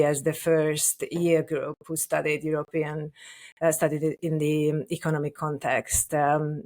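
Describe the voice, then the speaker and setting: A middle-aged woman from Hungary, a native Hungarian speaker, answering interview questions as a company CEO, with many fillers and restarts. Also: low voice. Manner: hesitant, many fillers and restarts, laughs softly. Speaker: podcast guest, company CEO. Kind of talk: interview conversation.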